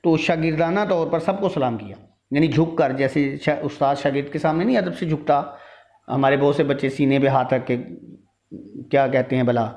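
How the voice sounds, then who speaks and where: This literature teacher has a fairly high-pitched voice with a somewhat dark tone. He breaks the text down one word and one line at a time, and the long stretch of talking has left him sounding weary.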